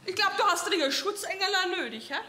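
Actress as feisty housewife, stage comedy, bright high voice, roomy hall. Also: female voice, lively intonation, fast talker, full character voice. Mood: sassy. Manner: sassy and bantering. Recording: echoey theatre with audience laughter.

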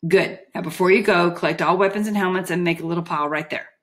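A woman's voice: fairly low pitch, fairly even intonation, quick pace, a bit bright, lightly acted. A woman doing a hulking stern bodyguard. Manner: clipped, commanding, dry. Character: huge calm menacing male bodyguard.

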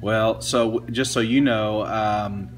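Low-voiced reassuring American doctor. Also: male voice, fairly even intonation, takes it slowly. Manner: reassuring, lots of mm-hmms. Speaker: doctor and show host. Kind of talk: casual bedside chat.

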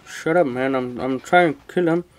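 A male gaming host gives relaxed, slangy let's play commentary at a moderate pace, muttering his reactions in a mid-range voice. He's positioned a bit away from the microphone.

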